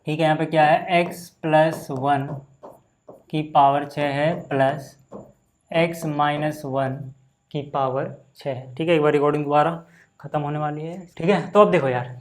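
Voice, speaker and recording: A man teaching a maths lesson in a relaxed, chatty way, often saying "okay" and calling his students "brother". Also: on the high side, moderate pace. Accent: Hindi. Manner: casual, repeats "ठीक है" and "भाई" often. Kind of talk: screen-recorded maths lesson.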